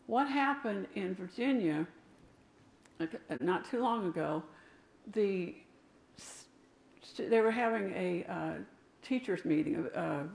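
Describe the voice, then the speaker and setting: An older woman delivers a sermon in a gravelly voice. She preaches emphatically, with asides to the people in the pews. The sound carries a roomy church echo. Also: medium pitch, animated, takes it slowly, pauses often, a little mellow. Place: church sanctuary. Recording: echoey church room.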